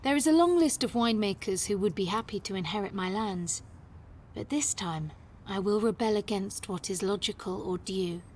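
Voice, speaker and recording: A woman voicing an old winemaker reading a formal farewell letter, slow and hushed, in a whispered role-play. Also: medium pitch, slight background noise, lightly acted. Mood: solemn hushed.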